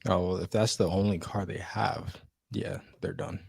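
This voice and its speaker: A man's voice: deep voice, little pitch movement, normal speed, gravelly, a little mellow, slightly rough, dry recording, clean studio sound. A young man co-hosting a podcast, chatting casually about cars in short, easygoing replies. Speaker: podcast co-host. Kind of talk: casual car chat.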